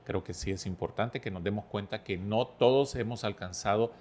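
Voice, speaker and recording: A middle-aged man, a podcast guest who talks calmly and explains with stories and analogies. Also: lowish voice, a little hiss or hum. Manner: storytelling, explains with analogies, calm and measured. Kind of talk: relaxed podcast conversation.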